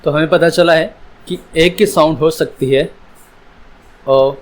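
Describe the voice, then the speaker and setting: A man teaching an English pronunciation lesson, drawing out each letter sound slowly. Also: on the high side, steady tone, rough recording. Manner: slow, drawn-out sounding of letters. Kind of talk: slow spoken English lesson.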